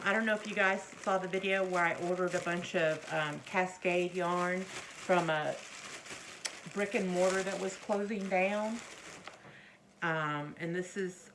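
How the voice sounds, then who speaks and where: Middle aged lady vlogging, kinda low gravelly voice, rambly show and tell, bit of background noise. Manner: hesitant, often trailing off and correcting herself. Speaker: crochet vlogger. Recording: faint background noise, occasional chair creaks.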